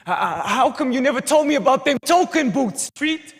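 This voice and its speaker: A man's voice: a little high, lively intonation, measured pace, a bit bright. A young man performing a stage monologue as a sheltered, stammering man who breaks free and turns defiant. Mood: triumphant. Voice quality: stammering, repeats words. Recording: reverberant hall.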